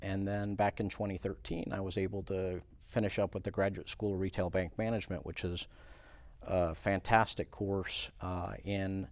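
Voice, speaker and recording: A man from Puerto Rico, a credit union president, answering questions in a studio interview in a measured way with many fillers. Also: sits low, little pitch movement, no echo.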